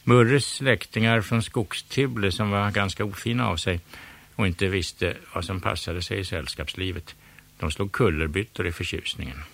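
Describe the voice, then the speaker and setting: Male storyteller for a children's book, low voice, expressive narration. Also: gravelly. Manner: lively, varied expressive narration. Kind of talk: reading a children's story aloud.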